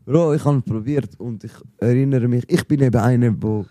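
A man's voice: medium pitch, brisk, dark tone, no room sound, clean studio sound. A young man with a Swiss German accent, telling stories in casual, slangy chat and calling his friend bro. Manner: slangy storytelling, says bro a lot. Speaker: podcast guest, rapper.

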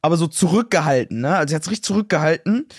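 A young man co-hosting a podcast in casual chat, slangy and excitable, acting out quotes. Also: fairly high pitch, very fast, breathy edge, dry recording, studio quality. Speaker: podcast co-host.

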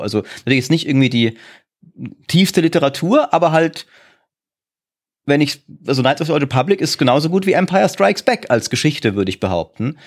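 Man arguing animatedly. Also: a little high. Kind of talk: podcast discussion.

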